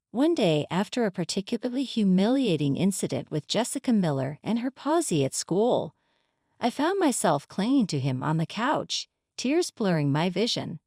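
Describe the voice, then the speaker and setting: A woman's voice: medium pitch, sing-song, normal speed, a little mellow, no room sound, clean studio sound. A woman reading a scripted first-person family drama in a dramatic storytelling manner. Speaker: narrator.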